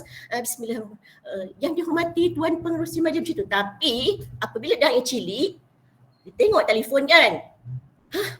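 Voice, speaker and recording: A woman teaching on a video call, explaining step by step and acting out example lines. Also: fairly high pitch. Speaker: teacher and trainer. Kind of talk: online teaching talk.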